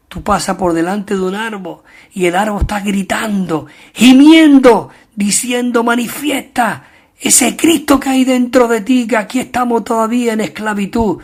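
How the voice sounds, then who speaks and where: Fervent Spanish preacher, fairly high voice. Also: male voice, a little mellow. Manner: fervent, calls out to the brethren, reads scripture aloud. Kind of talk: sermon.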